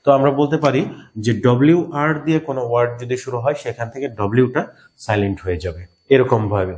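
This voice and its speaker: A man with a Bangladeshi Bengali accent teaching an English lesson, repeating key words and slowing down to pronounce examples. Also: mid-range voice, a little mellow. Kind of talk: explaining a grammar lesson.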